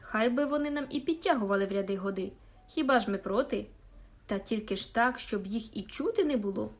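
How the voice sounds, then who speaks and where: A woman's voice: mid-range voice, a little fast, close to an everyday voice. A woman voicing a shrewd middle-aged male village carter who talks in a knowing, drawling way and asks rhetorical questions.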